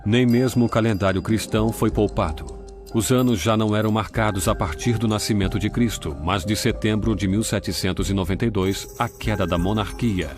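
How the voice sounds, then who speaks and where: Grave, low-voiced male documentary narrator. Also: brisk. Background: music.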